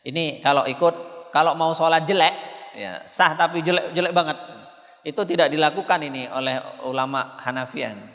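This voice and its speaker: High-voiced man preaching in a hall. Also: moderate pace, a bit bright. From Indonesia. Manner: conversational, chants Quranic phrases in demonstration. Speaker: Islamic preacher. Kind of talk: mosque study lecture. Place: mosque hall. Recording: long hall reverb.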